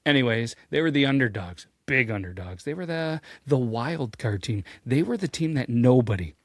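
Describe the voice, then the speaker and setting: Animated man hosting a sports countdown. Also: moderate pace, no room sound, clean studio sound. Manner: animated, jokey, pitch swings when excited. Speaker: host. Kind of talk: energetic sports commentary.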